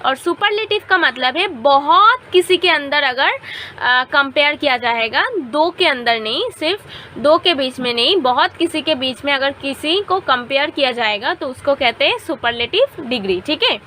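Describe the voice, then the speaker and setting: A woman's voice: sits high, lively intonation, moderate pace, pushed and bright, a little hiss or hum. A young woman teaching an English grammar lesson, mixing Hindi and English and often checking with "theek hai". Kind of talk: classroom lesson explaining grammar.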